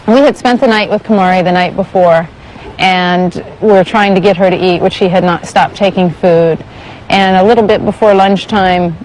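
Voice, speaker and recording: A woman's voice: fairly low pitch, a little mellow, a little hiss or hum, rough recording. A woman who works as an elephant keeper, recollecting in a nature documentary interview. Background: music.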